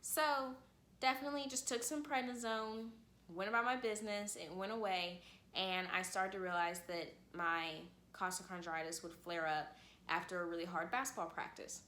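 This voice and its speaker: Young female vlogger with a bright, chatty delivery, recorded in an echoey room. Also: medium pitch, steady tone, normal speed. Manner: chatty, frequent "like" and "literally". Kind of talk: casual personal story to camera.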